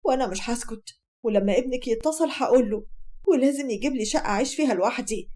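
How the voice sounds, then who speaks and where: A woman voicing a domineering, scornful older Egyptian mother-in-law who talks in a sharp, mocking, bossy way. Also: fairly high pitch, quick pace, lightly acted. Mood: spiteful.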